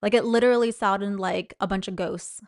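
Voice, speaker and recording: A woman, a former clinic employee, telling stories in a casual chat, animated and now and then mimicking people in a high voice. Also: a little fast, no room sound, studio quality.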